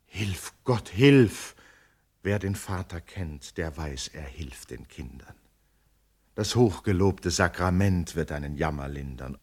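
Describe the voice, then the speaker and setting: A devout old mother pleading with her grieving daughter, as a man reads her part, soft and hushed, slow and low-voiced. The words are drawn out gently, as in a recited ballad. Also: expressive, breathy edge, exaggerated voice. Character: pious worried old mother, pleading and soothing. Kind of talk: dramatic poetry recitation.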